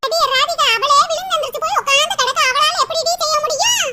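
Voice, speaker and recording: A woman's voice: extremely high pitch, fast talker, bright, forceful tone, recorded from a distance, full character voice. A woman voicing a fussy, fretting mother-in-law, wailing and scolding in turn. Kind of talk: cartoon comedy voice acting.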